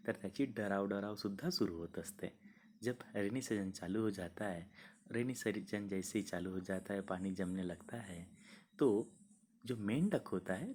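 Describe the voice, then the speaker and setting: A man teaching a school poetry lesson, chanting the verses in a slow sing-song rhythm, then explaining each line plainly. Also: lowish voice, a little mellow. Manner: mixes Marathi explanation with Hindi repetition.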